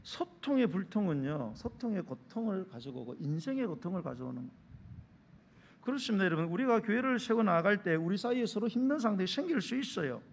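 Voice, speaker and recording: A man's voice: high voice, big pitch swings, brisk, creaky, a little hiss or hum. A man preaching a sermon as pastor, asking the congregation questions and acting out short dialogues in character voices. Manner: asks the congregation rhetorical questions. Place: church sanctuary.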